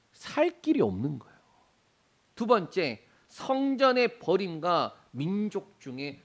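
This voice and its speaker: A middle-aged man preaching a sermon, his voice sitting high and swinging widely in pitch. He keeps throwing questions at the congregation and answering them himself. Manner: animated, asks and answers his own questions. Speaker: pastor.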